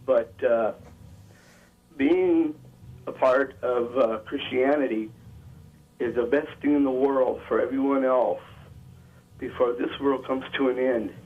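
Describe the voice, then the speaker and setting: A dull, radio-like phone line carries a man's husky voice. He is a caller arguing in an earnest, hesitant way, emotional and near tears. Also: medium pitch, fairly even intonation, takes it slowly, pauses often. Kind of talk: halting call-in argument.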